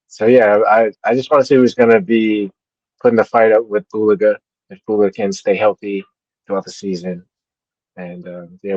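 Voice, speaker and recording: A man's voice: fairly low pitch, no room sound, dull audio. A male panelist in a casual chat, easygoing and repetitive, often trailing off. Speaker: podcast panelist.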